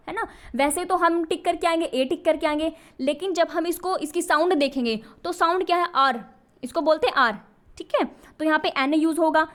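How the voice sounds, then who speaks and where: High-voiced woman teaching grammar. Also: a bit bright. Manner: asks questions and answers them herself, repeats key points. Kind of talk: exam coaching lesson.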